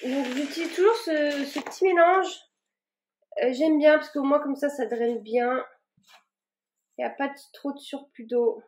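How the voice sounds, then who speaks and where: A woman vlogs casually while repotting her plants, rambling with plenty of fillers and restarts. Her voice is high-pitched, a little slow and full of pauses, and she sounds a bit warm and tired from the work.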